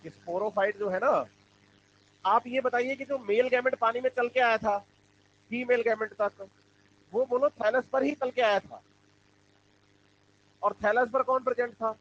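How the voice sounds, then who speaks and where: High-voiced man drilling a biology class. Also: fairly even intonation, measured pace, pauses often, fairly bright tone, dull audio, a little hiss or hum. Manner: drills students with repeated questions and answers. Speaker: biology teacher. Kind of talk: classroom lecture with call-and-response.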